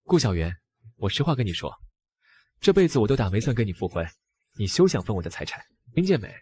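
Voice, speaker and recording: A shameless, scheming young husband from a short drama. He speaks quickly in a low, husky voice. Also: animated, a little mellow, no room sound. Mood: scornful. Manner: fast, pleading then scornful. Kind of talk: dubbed drama acting.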